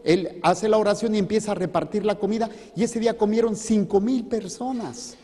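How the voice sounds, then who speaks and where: High-voiced priest preaching in a hall. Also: male voice, a little fast, dark tone. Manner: joking, asks the congregation questions. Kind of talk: sermon. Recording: reverberant hall.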